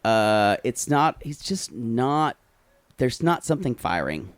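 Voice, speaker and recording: A man co-hosting a casual podcast recap, giggly and campy, full of quick asides. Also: mid-range voice, sing-song, dry recording. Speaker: podcast co-host.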